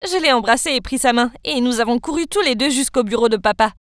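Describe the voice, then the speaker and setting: A young woman narrating a first-person story in an expressive, dramatic way. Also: on the high side, fast, dry recording, studio quality.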